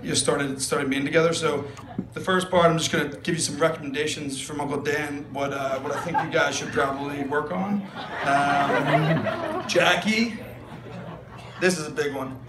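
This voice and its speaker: A young man with a somewhat high voice, fairly even intonation and a moderate pace gives a best man's toast on a handheld mic, rambling along with fillers and jokes. He's in a large wedding tent, and the recording is echoey with loud room noise and guests laughing.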